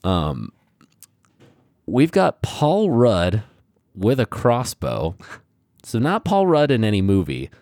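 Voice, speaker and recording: A man's voice: lowish voice, huge pitch swings, takes it slowly, long pauses, a little mellow, no echo, clean studio sound. A man co-hosting a podcast in casual chat, rambling with many fillers and restarts, on a podcast mic. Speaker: podcast co-host. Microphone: podcast microphone.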